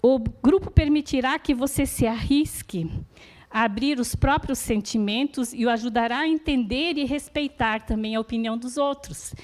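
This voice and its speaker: At a moderate pace and with a voice on the high side, a non-native Portuguese speaker teaches at church about support groups. She sounds sincere and encouraging, regularly checking in with those listening.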